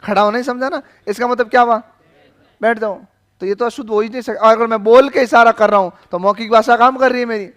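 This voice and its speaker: A man's voice: extremely high pitch, steady tone, fast talker, a bit bright. A male teacher giving a lecture, questioning the class again and again and teasing them with jokes. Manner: joking, questioning.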